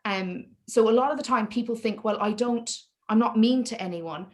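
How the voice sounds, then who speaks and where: A woman's voice: fairly high pitch, normal speed. A woman speaker on leadership and inclusion, presenting and answering questions in an online meetup, talking in a chatty, self-deprecating way with many restarts.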